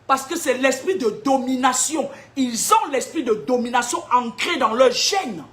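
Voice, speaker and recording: Woman seer, high voice, combative preaching, rhetorical questions, laughs between points. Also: expressive, a little slow. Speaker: spiritual seer giving prophecies. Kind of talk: preaching spiritual warnings to an audience.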